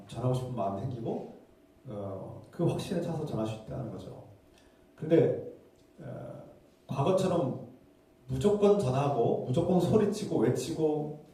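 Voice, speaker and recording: A man's voice: medium pitch, mellow, distant mic. A pastor in his forties giving an earnest, explaining sermon. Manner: earnest, explaining, acts out quoted scolding voices. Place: church sanctuary. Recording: very echoey church hall, voice from afar.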